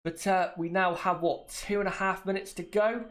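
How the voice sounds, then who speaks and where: His high, a-bit-bright voice stays fairly even in intonation at a moderate pace as this British man, nursing a bit of a cold, hosts a livestream. He chats casually with viewers during the watchalong and tends to repeat himself.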